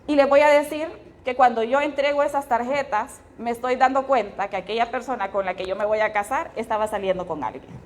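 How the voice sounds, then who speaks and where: A woman's voice: a little high, fairly even intonation, fairly quick. A middle-aged woman with a Honduran accent tells her personal testimony to a live audience. She speaks in a storytelling way and often turns to her listeners with tag questions. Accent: Honduran Spanish. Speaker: testimony speaker at a women's fellowship meeting.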